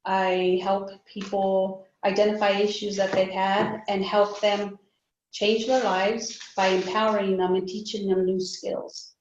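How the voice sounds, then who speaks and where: Speaking a little slowly with medium pitch and little pitch movement, this woman rehearses introducing herself at a workshop, hesitant and apologetic in tone. She is a native Spanish speaker with a Spanish accent. Faint background noise sits under a roomy, distant, dull capture in an echoey indoor space.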